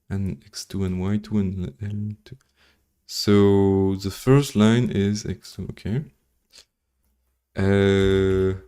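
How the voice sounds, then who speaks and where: A man with a low, dark voice hosts a casual live coding stream. He's from Belgium, a native French speaker, and he reasons aloud, reads formulas slowly, and cracks dry jokes along the way.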